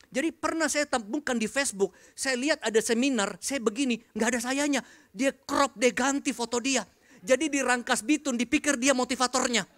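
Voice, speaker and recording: A man preaching in a large church hall with an Indonesian accent, telling stories in an animated, joking way and acting out quoted voices. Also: very high voice, normal speed. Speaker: pastor. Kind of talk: sermon with storytelling.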